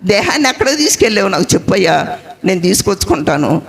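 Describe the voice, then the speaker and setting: A woman preacher voicing a grieving woman at a tomb who pleads respectfully, in a gravelly voice. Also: mid-range voice, sing-song, fast, big-room sound. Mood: pleading.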